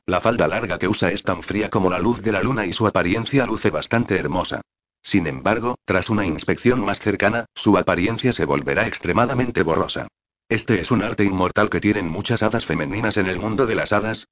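A man with a very low voice reads a fantasy web novel aloud. His delivery is even and steady throughout. The audio sounds dull and lo-fi. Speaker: audiobook narrator.

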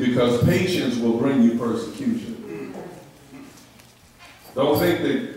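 A man's voice: mid-range voice, warm tone. Middle-aged male pastor, call-and-response preaching, miked from the pulpit but heard from far off in a roomy sanctuary. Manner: repeats phrases, call-and-response with the congregation. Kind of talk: preaching a sermon. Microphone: handheld mic, filmed by a far camera. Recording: echoey church room, far-off camera. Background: congregation murmuring responses.

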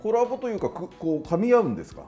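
An off-camera staff man prompts the host with questions. He talks fast and his pitch varies very widely. Faint music plays underneath. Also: sing-song, warm tone.

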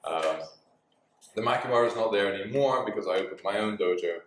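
A man in his forties with a lowish voice talks briskly, with a little hiss or hum underneath. He's a guest in a relaxed interview, owns a bar and a dojo, and chats easily with plenty of fillers and laughter. A far camera picks him up in a small indoor bar with signed walls, so the room sounds echoey and distant.

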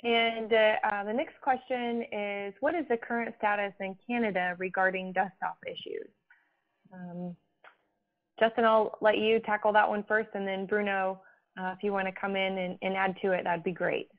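A woman's voice: medium pitch, steady tone, moderate pace. A woman moderating a webinar, politely reading out audience questions and handing them to panelists. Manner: polite, reads questions aloud. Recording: tinny phone-like line.

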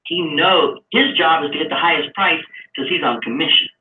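A man's voice: fairly high pitch, normal speed. A man teaching a live trading session in a chatty way, explaining through long everyday comparisons. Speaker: trading instructor. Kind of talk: live online trading lesson. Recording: echoey, far from mic, tinny lo-fi sound with faint noise.

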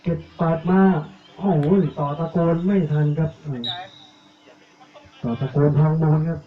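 A man giving live commentary on a village football match, reeling off player numbers and names and getting louder on attacks. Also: on the high side, steady tone, unhurried, faint music behind. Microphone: cheap tablet recording. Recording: echoey, tinny, phone-like audio.

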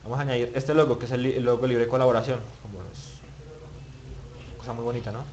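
A man's voice: medium pitch, flat delivery, fast talker, a little mellow, lo-fi sound, slight background noise. A man teaching web page building in a screen-recorded tutorial, thinking aloud and muttering as he clicks, with many restarts. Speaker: web development instructor.

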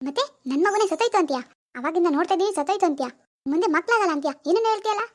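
A woman's voice: very high-pitched, animated, rapid-fire, heavy background noise. A woman voicing a grieving young woman who believes she is still pregnant, childlike, dreamy and stubborn. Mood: defiant. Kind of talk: animated family drama voice acting.

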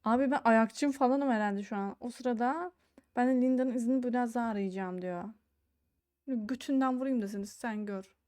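Woman let's-player, brash and jokey, swears freely, reads game lines aloud, voice a bit high. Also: moderate pace, a little mellow, no echo, studio quality. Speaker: gaming YouTuber. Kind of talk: casual let's-play commentary.

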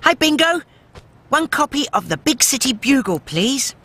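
A woman voicing a cheerful, helpful young male octopus in a cartoon, friendly and eager with a bright boyish voice. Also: high-pitched, sing-song, moderate pace, a little hiss or hum. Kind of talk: cartoon voice acting.

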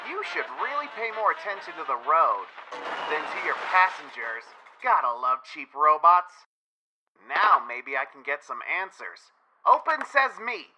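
A man's voice: a little high, very animated, measured pace, bright, forceful tone, slight background noise, heavily acted, low-quality recording. A man voicing a cocky young hedgehog hero playing detective in a comic dub. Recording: music behind the voice.

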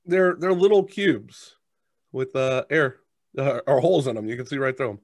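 This man speaks at medium pitch and normal speed, with no echo in the audio. In his thirties and from the United States, he hosts a snack review in a casual, matter-of-fact manner, crunching snacks at his desk indoors while on a video call wearing a headset.

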